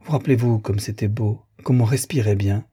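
A distraught young idealist pleads in a doleful, plaintive voice that sits a little higher than the reader's own, as a man puts him on for an audiobook. The tone stays dark and mellow, with a husky grain. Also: a little fast.

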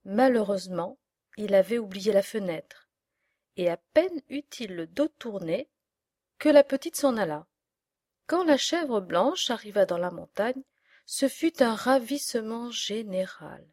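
A woman reading a storybook aloud in a measured, expressive way. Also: medium pitch, dry recording, clean studio sound.

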